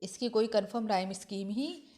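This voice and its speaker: A woman teacher with a warm, medium-pitched voice gives an exam-prep literature lesson. She repeats key points, poses and answers her own questions, and reads English verse slowly and haltingly.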